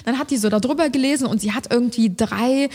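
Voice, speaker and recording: A high, husky young woman tells a story in casual, slangy chat. She acts out what others said in shrill voices. Her voice rings with a long reverb. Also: fast, a little mellow. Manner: colloquial, slangy, many fillers. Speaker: podcast co-host telling a story. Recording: long echo, room reverb.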